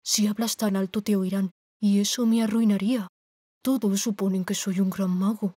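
A woman's voice: mid-range voice, fairly even intonation, normal speed, warm tone, husky, no echo, studio quality, natural voice. Woman doing Oz, a shaky little humbug wizard. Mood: humble. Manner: shaky, meek. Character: timid aging little man, humbug wizard.

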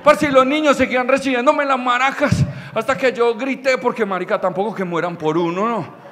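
A young Colombian man doing stand-up comedy storytelling, animated, with loud outbursts and crude slang. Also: very high-pitched, fairly quick, long reverb tail.

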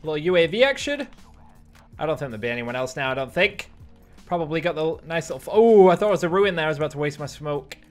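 A young man streaming, giving excitable running commentary on his gameplay from a close mic. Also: on the high side, fast, soft background music. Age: young adult. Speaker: gaming streamer.

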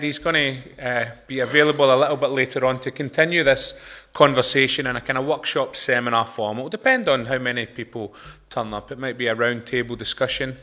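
A man's voice: mid-range voice, pushed and bright. A man in his thirties with a Glasgow accent, giving informal announcements as he leads a chapel gathering from the lectern. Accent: Glaswegian Scottish. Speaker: chapel service leader. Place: brick-walled chapel with a seated congregation. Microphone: lectern microphone.

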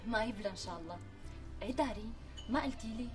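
A woman plays a nosy friend with a Damascene accent who teases and pries. She speaks a little high and brisk. The voice sounds far from the mic, with faint music. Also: a little mellow, natural voice. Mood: teasing. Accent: Syrian, Damascene. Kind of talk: TV sketch acting.

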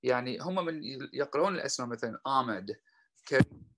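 A man teaching a citizenship interview lesson. He stretches out each practice phrase slowly and repeats it, then explains quickly between examples. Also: mid-range voice, animated, fairly bright tone, poor audio. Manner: slow, drawn-out repetition when modeling phrases. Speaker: language teacher.

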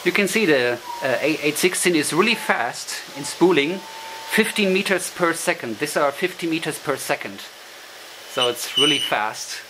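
A native German speaker with a German accent gives a casual hands-on demo as a hobbyist, indoors beside tape machines, in hesitant, self-conscious English while searching for words. His voice is fairly high with lively intonation at normal speed, captured by a camera microphone in noisy amateur sound with clicks.

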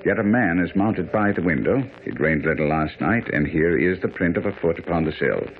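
In a radio drama, a man with a deep, expressive voice plays a self-assured master detective, speaking a little fast. He sounds precise, commanding and didactic, with a brisk, instructive mood. The broadcast is muffled and noisy.

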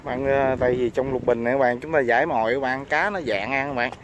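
A man with a Southern Vietnamese accent hosting a fishing vlog from a river raft, breaking into loud exclamations when he lands a fish. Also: medium pitch, steady tone, fast talker, a little hiss or hum. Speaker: fishing channel host. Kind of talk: excited fishing vlog commentary. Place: on a floating raft on a river outdoors.

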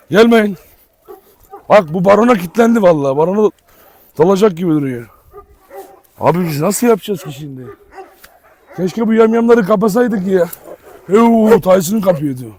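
A man's voice: high-pitched, moderate pace, pauses often. A man talking casually to his viewers outdoors while giving firm commands to his dogs and calling them pet names. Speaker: dog owner and vlogger. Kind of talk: casual vlog commentary to viewers. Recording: loud barking dogs and outdoor noise. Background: dogs barking.

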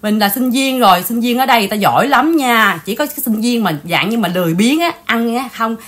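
A woman's voice: a little high, lively intonation, fast, fairly bright tone. A woman born in Vietnam hosting a channel, chatting indignantly in casual gossip commentary and often calling out to her viewers. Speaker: channel host.

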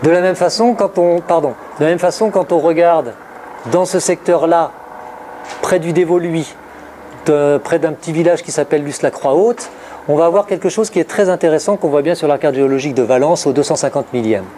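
In a big indoor lecture hall with blackboards, a middle-aged man gives a slide-based geology lecture, listing place names at a steady clip and often stumbling over fillers and fixing his own words. His voice is fairly high, brisk and dark-toned, with slight background noise, recorded by the room mic of a distant camera.

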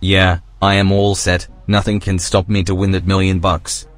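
A man's voice: sits low, flat delivery, normal speed, over music, close to an everyday voice. A man voicing a young, cocky yet anxious underdog contestant in a cartoon quiz show parody. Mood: confident. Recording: clearly noisy background.

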